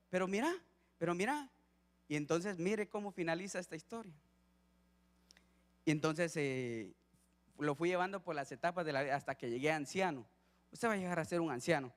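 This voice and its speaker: Male deacon, fairly high voice, conversational sermon in an echoing church hall. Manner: conversational, acts out dialogue with his son. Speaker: deacon preaching. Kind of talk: sermon with personal story. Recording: long church hall reverb.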